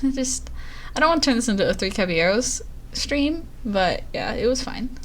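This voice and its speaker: A woman's voice: fairly high pitch, big pitch swings, normal speed, fairly bright tone. A woman streamer chatting casually on a live stream, rambling and poking fun at herself. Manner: chatty, self-deprecating, rambling.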